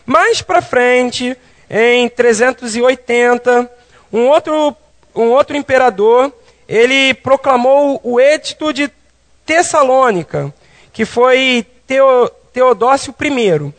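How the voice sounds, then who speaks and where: Guy teaching bible class, really high voice, chatty, keeps asking the class stuff. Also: expressive, slow, fairly bright tone. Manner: conversational, asks the class questions.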